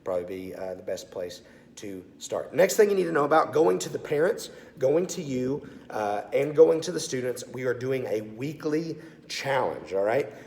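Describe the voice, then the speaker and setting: A man's voice: mid-range voice, animated, normal speed, creaky, darkish tone. A man with a congested, sore-throated voice gives an upbeat, informal video message as a youth pastor. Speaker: assistant pastor of student ministry. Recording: echoey, reverberant room sound.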